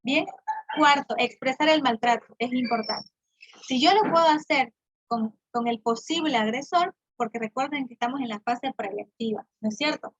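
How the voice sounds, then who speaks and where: A woman's voice: sits high, normal speed, breathy edge, no room sound, muffled recording. A woman psychologist giving a prevention talk to women, explaining step by step with examples and checking in often with her listeners. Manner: checks in often with "¿no es cierto?" and "¿bien?".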